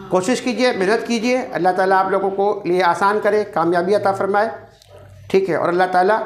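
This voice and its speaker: A woman teaching an online Quran recitation class, patiently repeating each word slowly for her students to copy. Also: medium pitch, reverberant.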